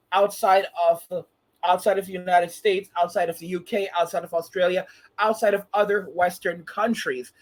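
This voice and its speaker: A man in his late thirties talks through casual commentary as a channel host. His voice sits high for a man and has a husky edge. He rambles, circles back and repeats himself as he goes. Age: 30s. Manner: rambling, repeats and restarts phrases.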